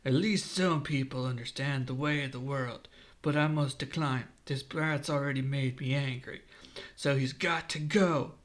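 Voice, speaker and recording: A man's voice: mid-range voice, steady tone, a little slow, fairly bright tone, close to an everyday voice. A man voicing a cruel, sneering adult bandit leader. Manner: sneering, mocking.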